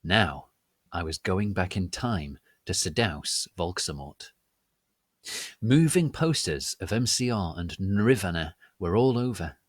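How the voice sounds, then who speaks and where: Male narrator for dramatic fan fiction reading, hammy and stagey, deliberate pace, dry sound. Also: low-pitched, expressive, no room sound.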